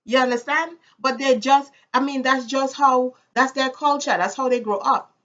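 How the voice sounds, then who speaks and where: A woman's voice: sits high, fairly even intonation, normal speed, fairly bright tone, highs cut off. A woman from the Virgin Islands with a Caribbean accent, talking casually and with strong opinions in an emphatic way, repeating phrases for stress. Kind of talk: casual opinionated personal talk to camera.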